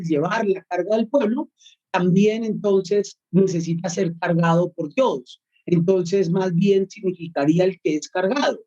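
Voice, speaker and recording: Mellow-voiced man lecturing on scripture. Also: sits high, muffled recording. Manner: thoughtful, many hesitations and fillers. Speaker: Bible course professor. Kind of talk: recorded online lecture.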